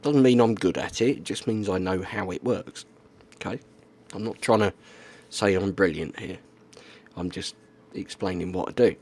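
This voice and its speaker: A man's voice: low voice, normal speed, long pauses, darkish tone. A man explaining things in a casual, plainspoken monologue, often checking in with "okay?" and "right". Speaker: YouTuber.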